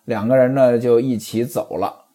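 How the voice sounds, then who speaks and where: This storyteller has a medium-pitched, dark voice, with a steady tone and a moderate pace. He retells a classic novel and comments on it in a chatty manner, often addressing his listeners directly.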